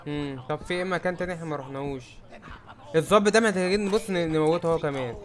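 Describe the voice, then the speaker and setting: Jumpy, fast-talking Egyptian gamer man. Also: fairly high pitch, slight background noise. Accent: Egyptian Arabic. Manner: jumpy, yelps and shouts when startled. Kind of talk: let's-play commentary.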